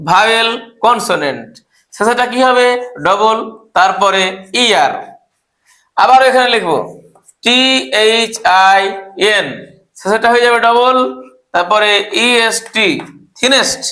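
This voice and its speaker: High, bright-voiced male teacher. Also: takes it slowly, pauses often, reverberant, low-quality recording. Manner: spells words letter by letter, asks questions of students. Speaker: English teacher. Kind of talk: grammar lesson.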